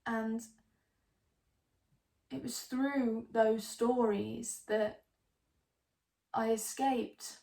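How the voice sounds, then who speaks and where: A woman performs a young female ghost-story devotee in a stage-style dramatic monologue. Her voice is fairly high, with a gravelly fry at the edges. She tells it slowly and theatrically, wry and defiant, leaning hard on words and hanging on pauses. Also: steady tone, warm tone, full character voice. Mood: subdued, confiding.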